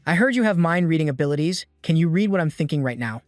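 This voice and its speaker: A man voicing an eager, excitable young man who fusses kindly over a boy in a storybook recap. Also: on the high side, fast talker, no echo, clean studio sound, soft background music, close to an everyday voice. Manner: eager, fussing.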